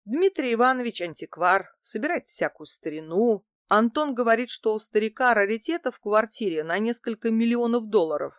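A woman reading an audiobook, voicing a smug, flirtatious married man who runs a travel agency, in a brisk, evasive manner. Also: a little high, animated, dry recording, clean studio sound, lightly acted. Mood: confiding.

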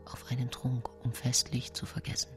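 Music plays behind an actress whose extremely low, monotone voice moves at a moderate pace. She plays a self-pitying, scheming murderess from the nineteenth century, confiding her own case in a hushed, brooding monologue for radio, often dropping to a whisper.

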